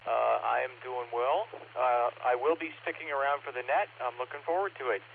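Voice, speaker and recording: A man's voice: medium pitch, a little fast, vocal fry. A man giving a brief, polite check-in on an amateur radio net. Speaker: ham radio net participant. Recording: thin phone-like radio, faint noise.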